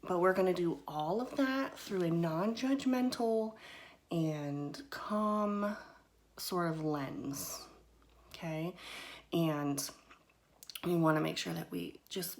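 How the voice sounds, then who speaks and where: A woman's voice: mid-range voice, vocal fry. A woman hosting a mindfulness talk in a casual teaching style, chatty and loose, often checking in with her listeners. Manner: conversational, often checks in with "right?" and "okay?"; loose and chatty, with frequent "kind of" and "you know".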